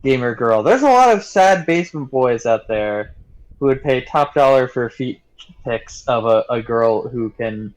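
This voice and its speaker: Animated man trading wry banter. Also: mid-range voice, a little slow, rough recording. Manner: wry, mock-pompous commentary. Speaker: quiz player. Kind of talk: casual banter among friends.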